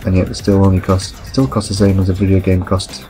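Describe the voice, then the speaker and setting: Man, 30s, deep-voiced let's-play commentator, rambling storyteller. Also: little pitch movement, brisk, warm tone, faint music behind, low-quality recording. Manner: rambling, anecdotal, self-correcting. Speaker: gameplay commentator. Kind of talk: casual storytelling over gameplay.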